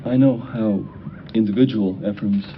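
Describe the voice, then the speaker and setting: An actor playing a reluctant, self-doubting choir accompanist who speaks hesitantly in a 1980 television film. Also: male voice, lowish voice, normal speed, close to an everyday voice. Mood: reluctant, anxious. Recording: dull old film audio, faint noise.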